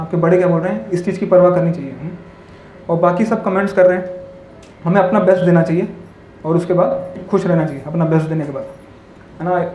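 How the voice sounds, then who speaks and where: In an echoey hall with faint ambience and slight background noise, a monk speaks to a live audience in a mellow voice that sits high. His spiritual talk is full of parables and stories and English words, and he's always asking tag questions.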